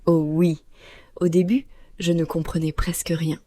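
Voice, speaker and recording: A woman co-hosting a learners' podcast, speaking clearly and slowly like a teacher. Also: on the low side, level tone, warm tone, no room sound. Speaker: podcast co-host. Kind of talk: scripted podcast dialogue for learners.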